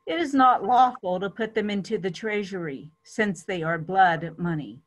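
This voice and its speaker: A woman reads scripture as part of a dramatic church reading. Her voice sits at an average pitch for a woman. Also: moderate pace. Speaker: church reader.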